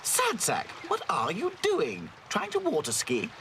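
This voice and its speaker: A man voicing an eager, cheeky boy doll in a cartoon, quick to act. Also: high voice, huge pitch swings, a bit bright, a little hiss or hum, pitched above the performer's own voice, heavily acted.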